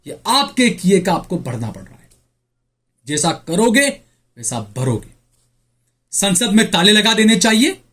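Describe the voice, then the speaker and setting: A man's voice: sits high, sing-song, a little slow, pauses often, pushed and bright, husky. A man hosting political opinion commentary, sarcastic and indignant as he talks to viewers.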